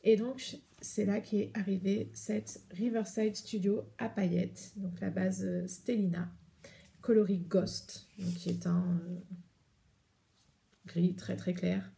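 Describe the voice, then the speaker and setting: Chatty French woman with a gravelly voice. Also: medium pitch, fairly even intonation, takes it slowly, warm tone. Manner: chatty, rambling, many hesitations. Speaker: knitting podcast host. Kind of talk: casual chat showing yarn to camera.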